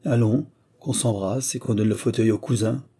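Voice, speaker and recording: A man's voice: fairly low pitch, steady tone, moderate pace, warm tone, husky. A man voicing a cordial middle-aged father who greets a guest with hearty exclamations. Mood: jovial.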